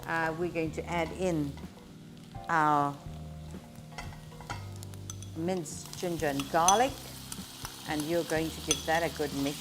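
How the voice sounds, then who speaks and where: A woman presenting a cooking demonstration, explaining each step instructively with frequent pauses. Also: low voice, steady tone, over music.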